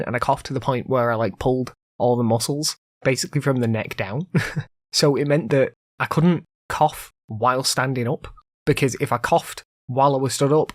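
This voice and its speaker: Clean studio audio with no room sound carries a man's mid-range voice as he rambles through a relaxed solo podcast. He leans on plenty of fillers, and because he hasn't fully recovered from being sick, his voice sometimes cuts out.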